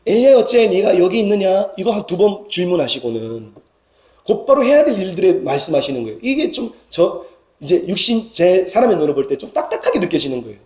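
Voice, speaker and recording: A man's voice: big pitch swings, brisk, a little mellow. A male pastor with a Gyeongsang accent, preaching a sermon earnestly and lifting his voice for emphasis. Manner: earnest preaching that rises in pitch and volume for emphasis. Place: church sanctuary. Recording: echoey church hall.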